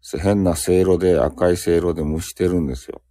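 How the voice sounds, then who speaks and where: A man's voice: sits low, steady tone, fast talker, mellow, no echo, studio quality. A man with a Fukuoka accent chatting casually and ramblingly on a solo live audio stream, joking at his own expense. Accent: Fukuoka dialect. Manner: rambling, joking, self-mocking.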